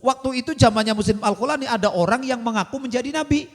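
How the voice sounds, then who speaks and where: A man's voice: very high voice, fast. A man preaching at a religious study session, telling a story and putting questions to his listeners, then answering them himself. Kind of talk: Islamic study sermon on radio. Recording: radio broadcast with long hall reverb.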